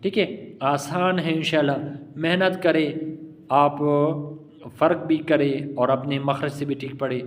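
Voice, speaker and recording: A man teaching tajweed pronunciation in a patient, encouraging lesson, repeating letters slowly and drawn out. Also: a little high, fairly even intonation, big-room sound. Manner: affectionate, encouraging. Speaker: Quran recitation teacher.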